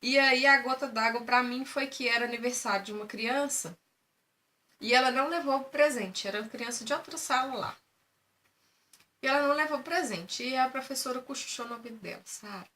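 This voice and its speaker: Woman, bright lively voice, chatty vlog storytelling, acts out who said what. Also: a little high. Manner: animated retelling, acts out dialogue in quotes. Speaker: mother telling a family story. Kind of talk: casual storytelling to camera.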